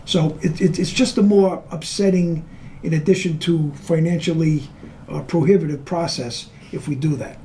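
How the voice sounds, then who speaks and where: A man with a fairly high but mellow voice answers interview questions for a water board. He explains in a deliberate, earnest way. A faint hiss of ambient noise sits behind him. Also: fairly even intonation, low-quality recording. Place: on a tour of the water department.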